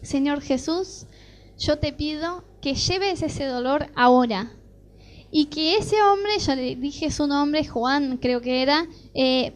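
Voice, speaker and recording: High-voiced Argentine woman preaching. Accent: Argentine Rioplatense Spanish. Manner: animated storytelling, acting out dialogue. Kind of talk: sermon with personal testimony.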